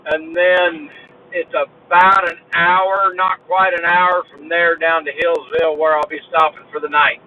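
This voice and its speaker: A man's voice: a little high, little pitch movement, a little slow, bright, forceful tone. A man driving a truck, chatting casually with viewers of his live stream and greeting them by name. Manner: drawling, talks to chat viewers by name. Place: truck cab on the road. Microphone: phone. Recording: dull phone recording with road noise.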